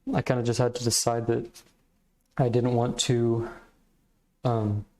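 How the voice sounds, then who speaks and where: A man's voice: mid-range voice, a little mellow. A man hosting a podcast, giving casual, reflective commentary in hesitant, meandering phrasing. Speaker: podcast host.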